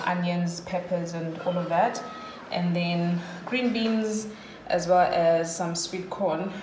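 Chatty South African mom vlogger. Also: female voice, lowish voice, echoey room, a little hiss or hum, low-quality recording. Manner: relaxed, chatty, talks to her toddler in between. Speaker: vlogger, mother. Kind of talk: casual chat to camera. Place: home kitchen, indoors. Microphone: phone camera at arm's length.

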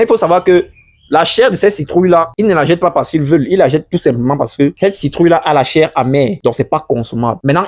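A man with a somewhat high voice hosts a farming channel and talks through a clip. He speaks French as a second language and addresses his audience like friends in an easy, explanatory manner. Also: a little mellow. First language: not French. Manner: chatty, addresses viewers as friends. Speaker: agriculture channel host. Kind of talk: explanatory video commentary.

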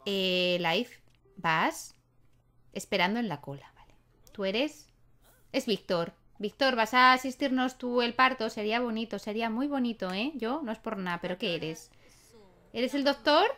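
A young woman talks through her game in a fairly high voice, chatting away and scolding her characters. Her tone stays casual and playful. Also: unhurried, a bit bright. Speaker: gaming YouTuber. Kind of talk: casual gameplay commentary.

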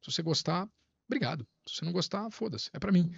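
A man's voice: high voice, fast talker, gravelly, slightly rough, no echo, lo-fi sound. A man guest on a podcast, chatting casually and telling stories with lots of slang and acted-out quotes. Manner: animated storyteller, slangy, acts out quotes. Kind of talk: casual chat.

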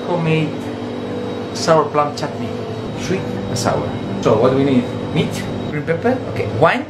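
A man's voice: a little high, very animated, a little slow, heavy background noise. A Greek man in his forties with a Greek accent, a chef explaining a dish in short, broken English phrases in a restaurant kitchen. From Greece. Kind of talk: casual cooking demonstration. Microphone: handheld camera close by.

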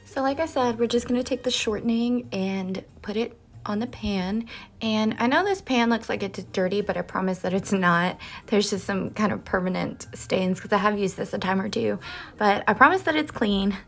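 Faint music sits behind this woman's medium-pitched voice as she talks at a moderate pace. In her home kitchen she hosts a baking vlog, chatting casually through the recipe one step at a time.

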